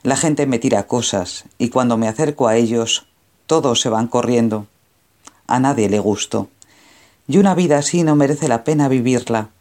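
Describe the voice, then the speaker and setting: A man's voice: medium pitch, moderate pace, a little mellow, lightly acted. Man voicing a plaintive, miserable crow. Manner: plaintive, lamenting. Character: sad, self-pitying male crow who longs to be a swan.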